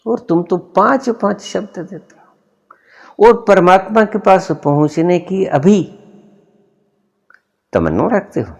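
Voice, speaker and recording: A middle-aged man giving a spiritual discourse, deliberate and emphatic, his voice rising and dropping sharply to make a point. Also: high voice, expressive, vocal fry. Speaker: spiritual teacher.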